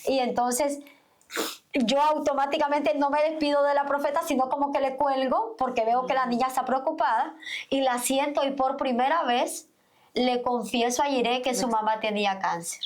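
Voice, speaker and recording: A middle-aged woman pastor with a fairly high voice shares her faith testimony. She tells it earnestly and slips into the voices of the people in her story. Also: steady tone, moderate pace. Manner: earnest storytelling, reenacts dialogue. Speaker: pastor, guest.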